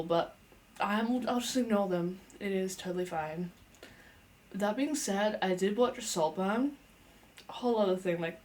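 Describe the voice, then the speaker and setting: A woman's voice: mid-range voice, a little hiss or hum. A young adult woman giving an unscripted casual review as a vlogger, chatty and playful, talking with lots of fillers.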